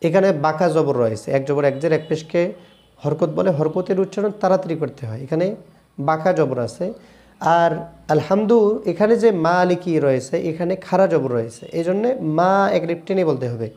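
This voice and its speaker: A man with a Bangladeshi Bengali accent teaching correct Quran pronunciation, switching between brisk explanations and slow, drawn-out chanted recitation. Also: on the high side, lively intonation, dark tone. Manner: alternates quick explanations with slow drawn-out chanted Arabic phrases.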